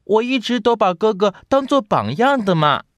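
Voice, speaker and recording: Male reader voicing a squeaky little kid anteater, eager and loud, for a storybook. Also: normal speed, no room sound. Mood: sweet. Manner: high, excited calls.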